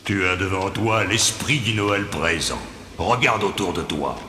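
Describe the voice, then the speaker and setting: An actor playing a jovial, grand spirit in a cartoon, speaking in hearty proclamations. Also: male voice, sits low, measured pace, pushed and bright, slight background noise. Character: jovial, booming spirit of Christmas present. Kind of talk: French cartoon voice acting. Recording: cavernous echo with long reverb.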